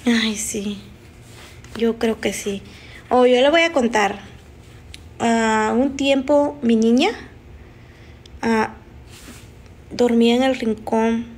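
A woman on a live stream telling a frightening personal story in a halting, emotional way, often restarting her sentences. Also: a little high, darkish tone. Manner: halting, emotional, with frequent restarts and nervous laughs. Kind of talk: casual spoken storytelling.

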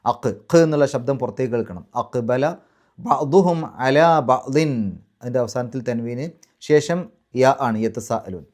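A man teaching Quran recitation rules in a class, patiently repeating each rule step by step and drawing out the Arabic example words slowly. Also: mid-range voice, a little mellow.

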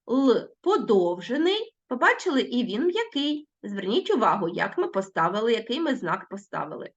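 A woman teacher giving a recorded lesson to schoolchildren, slowly spelling out sounds and words. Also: on the high side, muffled recording.

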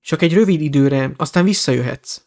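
A man's voice: on the high side, a little mellow, natural voice. A man voicing an earnest teenage boy hero in an audiobook. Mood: urgent.

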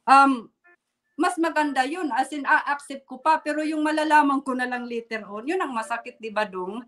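A Filipina woman from the Philippines, a guest telling a painful personal story in a halting way, holding back tears and laughing nervously. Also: high-pitched, a bit bright. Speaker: interview guest. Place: Germany.

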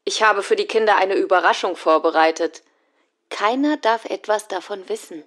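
A woman's voice: mid-range voice, normal speed, a bit bright, natural voice. Actress as a friendly woman leaving a voicemail. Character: friendly woman leaving a private phone message. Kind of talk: scripted answering machine message for a German listening exercise.

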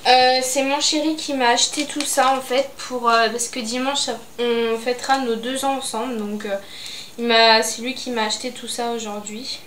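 A woman's voice: on the high side, flat delivery, moderate pace, a bit bright. A young adult woman chatting casually about her beauty and fashion purchases, hesitant with lots of fillers. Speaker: beauty vlogger. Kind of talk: casual haul chat. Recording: echoey room, faint noise.

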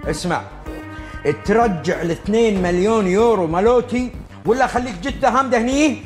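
A man's voice: high voice, fairly quick, faint music behind, natural voice. An actor playing a furious, armed rich sheikh with a Gulf Arabic accent, demanding his money back. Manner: threatening, demanding. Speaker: wealthy sheikh. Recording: film score underneath.

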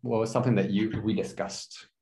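A man with an American accent teaching an online English class on a video call, gently correcting students and repeating phrases. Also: on the low side, steady tone, a little fast, vocal fry.

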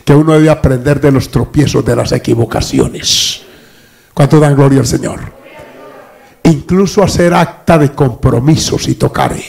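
A man's voice: fairly high pitch, gravelly. An older man, preaching a sermon as pastor and acting out the dialogue of people in his stories. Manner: preaching with lively acted-out dialogue.

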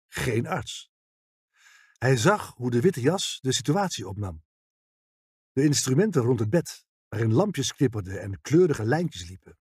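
Male audiobook reader, husky, animated, dry. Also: medium pitch, no room sound. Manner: expressive, voicing every character. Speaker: audiobook narrator. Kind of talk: scripted audiobook narration.

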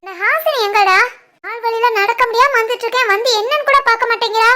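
Casting: woman doing a groaning old mother in a cartoon, extremely high-pitched voice. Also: fast talker, bright, forceful tone. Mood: sore, sleepy. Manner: groaning, drowsy. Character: elderly mother with a hurt leg, complaining. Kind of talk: animated family drama voicing.

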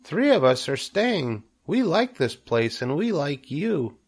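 A man's voice: a little high, very animated, slow, breathy edge, voice pushed up, exaggerated voice. A man voicing tiny young female spiders in a storybook, dainty, polite and eager. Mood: friendly greeting.

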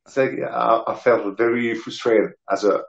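A man's voice: medium pitch, fairly even intonation, moderate pace, creaky. A middle-aged man with a French accent, telling casual anecdotes hesitantly, searching for words. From south of France. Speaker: interview guest, rock guitarist and singer. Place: indoor room, video call. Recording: roomy, dull video-call sound.

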